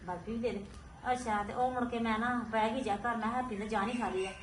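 A woman with a Punjabi accent chatting casually and telling a story like a dramatic, animated aunty, mimicking people as she goes. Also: on the high side, fast. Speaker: family member in a food vlog. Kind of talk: casual family chat. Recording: echoey, clearly noisy home recording.

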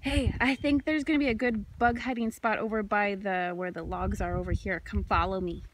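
A woman voicing a perky, curious girl rag doll in a playful toy vlog, given to excitable, drawn-out exclamations. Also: medium pitch, lightly acted. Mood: excited. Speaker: toy adventure show host. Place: outdoors in a yard, briefly inside a barn. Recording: handheld outdoor recording with background noise.

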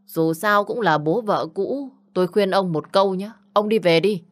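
A woman's voice: mid-range voice, moderate pace, close to an everyday voice. A contemptuous young man, acted by a woman in a spoken story. He taunts in a raised, scornful voice. His tone stays cold and arrogant. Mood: sneering. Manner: sneering, taunting.

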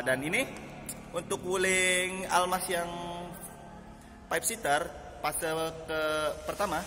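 Man vlogging in a noisy, echoing showroom. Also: fairly high pitch. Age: 20s. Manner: upbeat sales patter addressing viewers as guys, with bits of English. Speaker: car dealership salesman and channel host. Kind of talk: promotional vlog talk to camera. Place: large indoor car showroom. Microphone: phone at arm's length. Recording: echoey large showroom with loud ambient noise.

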